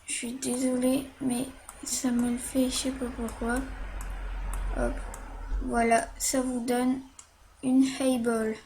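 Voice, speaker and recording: A woman with a high voice narrates a casual game tutorial while playing. She speaks slowly and hesitantly, full of fillers and quick "hop" sounds as she clicks. A faint hiss sits under her voice. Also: little pitch movement, warm tone.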